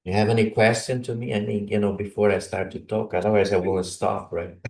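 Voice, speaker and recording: Before preaching, a visiting preacher born in Brazil talks informally with the congregation in a church hall, laughing a lot and checking in with "right?" and "you know." His low, deep voice is a little mellow, level in tone, with vocal fry at a normal pace. The mic catches him from afar, with the hall's echo.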